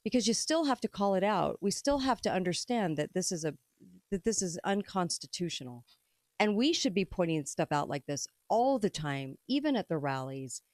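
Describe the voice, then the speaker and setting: A woman's voice: fairly low pitch, expressive, normal speed, a little mellow, no room sound. Female radio talk host, dry close sound. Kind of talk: conversational political talk radio.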